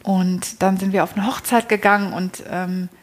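A woman's voice: medium pitch, steady tone, normal speed. A woman telling her personal story as an interview guest in a casual, chatty way, often restarting sentences and adding tag questions.

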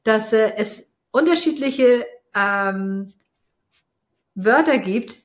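A woman's voice: fairly high pitch, lively intonation, very slow. Woman in her 40s on a parenting podcast, lots of ähm and restarts, casual chat. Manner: thinks aloud with many fillers and restarts. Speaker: podcast co-host.

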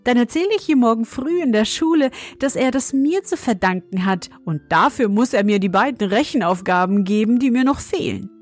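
A woman voicing a cheeky, sulky young schoolboy in a storybook reading, raising her voice high and defiant. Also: expressive, a little fast, few pauses, a little mellow, faint music behind. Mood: eager.

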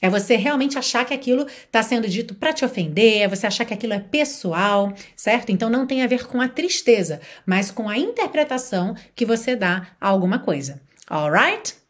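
Lively Brazilian woman teaching English. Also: fairly high pitch, a little fast. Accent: Brazilian Portuguese. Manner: explains patiently, asks the viewer questions, acts out example phrases. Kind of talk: Portuguese-language English lesson.

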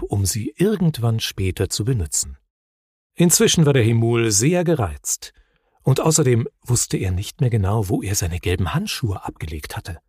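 A man working as a care home receptionist, reading a story aloud in a friendly, expressive way. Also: medium pitch, breathy edge, no room sound, studio quality.

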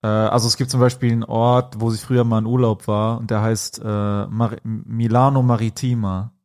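A man's voice: fairly low pitch, little pitch movement, a little fast, darkish tone. A young man co-hosting a comedy podcast, chatting casually and tagging his sentences with "ne". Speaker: podcast co-host. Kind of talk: casual chat.

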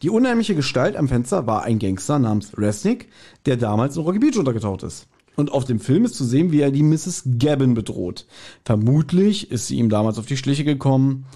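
Recapping an audio drama with his podcast co-host, this man stays colloquial and performs quotes with plenty of animation. He talks briskly in a medium-pitched, sing-song voice with a dark tone.

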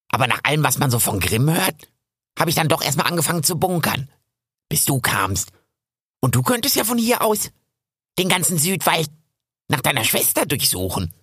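A man's voice: medium pitch, bright, forceful tone, slightly rough, no room sound, clean studio sound, pitched above the performer's own voice, exaggerated voice. A man voicing a chatty, cheerful squirrel in a storybook, talking in a choppy, rambling stream.

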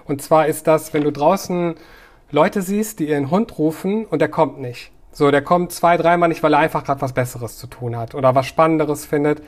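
A man's voice: a little high, moderate pace. A man, a dog trainer and podcast guest, explaining his views thoughtfully at length, with fillers and restarts. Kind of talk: conversational podcast interview.

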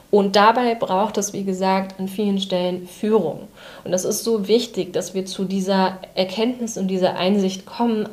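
A woman coach giving a calm, explanatory live talk, speaking directly to the viewer. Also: mid-range voice.

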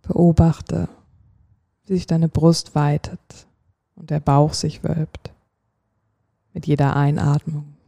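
A calm, soothing narrator guiding a relaxation dream journey like a sleep story, speaking in short, unhurried phrases with long pauses. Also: medium pitch, gravelly, no room sound.

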